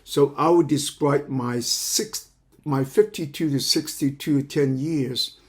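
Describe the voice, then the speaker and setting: Soft background music plays as an older man with a mid-range voice starts a lecture. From China and a native Cantonese speaker in his 70s, he teaches counseling psychology and speaks in a halting way, repeating words while he searches for phrasing.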